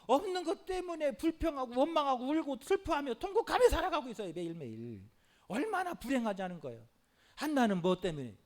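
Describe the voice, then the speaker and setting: A middle-aged male pastor preaching a sermon in an animated way, with frequent hallelujahs and rhetorical questions to the congregation. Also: very high-pitched, quick pace.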